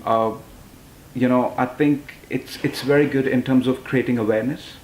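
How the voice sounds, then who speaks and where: A man's voice: mid-range voice, fairly even intonation, moderate pace, darkish tone, reverberant, slight background noise, rough recording. A man in his twenties from London, a pageant titleholder and model, answering interview questions hesitantly with many fillers and restarts. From London, England. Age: 20s.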